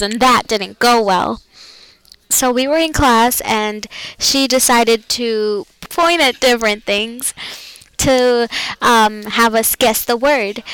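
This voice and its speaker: A woman's voice: a little high, fairly bright tone, clear, resonant tone, no echo, low-quality recording. A teenage girl co-hosting a podcast, telling a school story casually with fillers and small laughs. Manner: rambling, with fillers and little laughs. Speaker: co-host.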